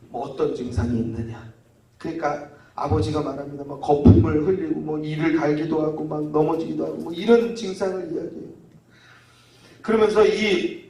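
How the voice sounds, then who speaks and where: A male pastor preaching in a relaxed, conversational way, often asking the congregation to repeat after him. His fairly high voice rings through a large, echoey sanctuary, picked up from a distance. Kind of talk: sermon. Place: church sanctuary. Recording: echoey church hall from far off.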